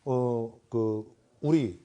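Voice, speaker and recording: A man commenting on politics on a panel, speaking deliberately and analytically, stretching words around fillers. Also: mid-range voice, mellow.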